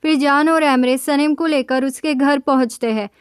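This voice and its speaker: A woman with a high voice retells a TV drama episode scene by scene, moving steadily through the plot and slipping in each character's lines. The voice-over is close and dry, with no room sound around it. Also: moderate pace, no echo. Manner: steady storytelling that quotes every character's lines. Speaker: drama recap narrator.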